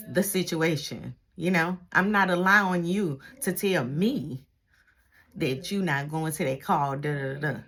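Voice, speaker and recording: This middle-aged American woman, a retired police dispatcher turned vlogger, chats casually to the camera while reminiscing. Her voice sits low, a bit bright and slightly rough, and she acts out little exchanges and repeats phrases for emphasis.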